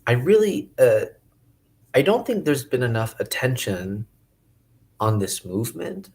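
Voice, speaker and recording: A man musing casually to camera about philosophy, hesitant and thinking aloud with many pauses and restarts. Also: mid-range voice, big pitch swings, a little mellow. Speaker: video essayist.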